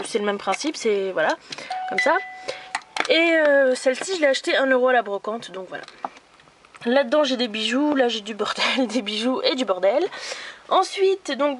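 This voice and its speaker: A young French woman gives a casual room tour of her bedroom at home, chatty and self-mocking, with lots of fillers. Her voice is a little high, and there's background noise.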